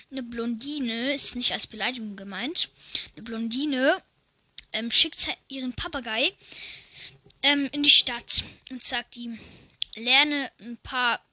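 High bright lady telling jokes, slow and giggly, super dry mic. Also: dry recording. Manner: giggly, laughs at her own jokes; casual slang. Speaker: channel host.

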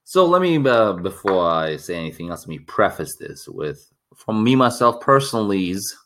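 Deep-voiced man telling a story. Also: very animated, normal speed, fairly bright tone. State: recovering a lost voice. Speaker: podcast co-host. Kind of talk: casual chat.

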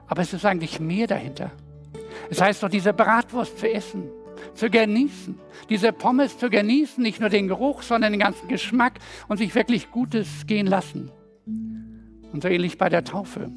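A man's voice: high voice, creaky. Male preacher, storytelling sermon, rhythmic repetition, faint music behind. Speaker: pastor.

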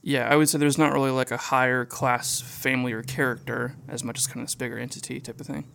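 A man co-hosting a podcast in a relaxed, casual chat, with lots of filler words and frequent laughter. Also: medium pitch, fast, creaky, a little hiss or hum. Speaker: podcast co-host.

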